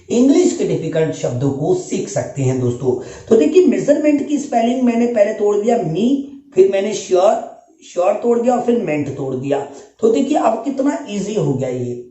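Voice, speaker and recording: A man teaching English spelling in Hindi, breaking each word into sound parts and repeating them slowly. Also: high voice, dark tone, reverberant, poor audio. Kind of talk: spoken lesson.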